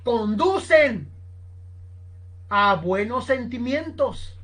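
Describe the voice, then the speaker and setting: A woman preaching a sermon, telling a story slowly and with emphasis, constantly addressing her listeners as brothers. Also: fairly high pitch, expressive, a bit bright. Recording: online seminar recording.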